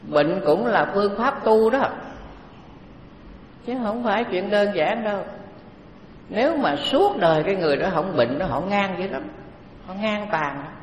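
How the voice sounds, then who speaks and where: Buddhist teacher, echoey hall. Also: male voice, sits high, animated, slight background noise. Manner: unhurried, conversational teaching with many pauses. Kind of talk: dharma talk sermon. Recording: echoey hall, faint background ambience.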